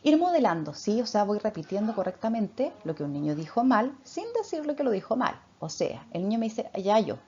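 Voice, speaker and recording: A woman's voice: medium pitch, big pitch swings, fairly quick, few pauses, warm tone, husky. A woman speech therapist, giving parenting advice and often checking in with short tag questions. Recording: slightly muffled with faint background noise.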